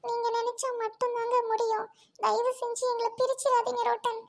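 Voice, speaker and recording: A woman's voice: very high voice, level tone, brisk, gravelly. A woman voicing a young woman doctor who pleads and insists, in an amateur audio drama. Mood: insistent.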